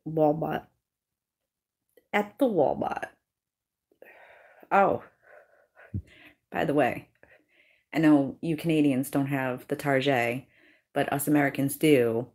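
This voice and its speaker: Speaking slowly with long pauses, this woman has a low-pitched, darkish voice. She's a YouTuber from Massachusetts with a Worcester accent, hosting a live stream where she talks casually and bluntly and swears freely.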